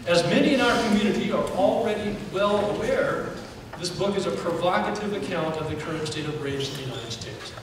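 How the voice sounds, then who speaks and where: A man's voice: high-pitched, lively intonation, fairly quick, background noise. A man introducing a guest speaker at a college event, reading formally from prepared notes. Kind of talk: read introduction. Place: large lecture hall. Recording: echoey hall recorded from far off.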